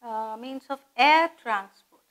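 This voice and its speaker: Casting note: woman, patient exam-prep grammar teacher, very unhurried delivery. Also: fairly high pitch, fairly bright tone, poor audio. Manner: slow and deliberate, spelling words out and asking rhetorical questions. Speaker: English teacher. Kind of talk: grammar lesson for exam students.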